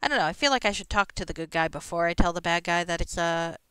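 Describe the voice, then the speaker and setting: A woman's voice: lowish voice, lively intonation, quick pace, a bit bright, clear, resonant tone, no echo. A woman giving casual gameplay commentary as a streamer, musing wryly to herself with plenty of swearing. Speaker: game streamer. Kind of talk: casual gameplay commentary, reading dialogue aloud.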